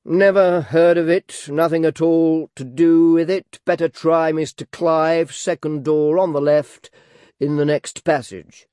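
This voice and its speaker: A man's voice: a little high, fairly even intonation, a little slow, mellow, clean tone, no echo, clean studio sound, pitched above the performer's own voice, lightly acted. A man reading aloud voices an offhand clerk who brushes people off in curt, clipped phrases. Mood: dismissive. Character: offhand male clerk talking through his lunch.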